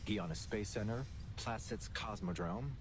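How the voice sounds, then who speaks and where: A man's voice: lowish voice, measured pace, background noise, natural voice. A man voicing a serious, strict male researcher, earnest and matter-of-fact, in game audio with background ambience.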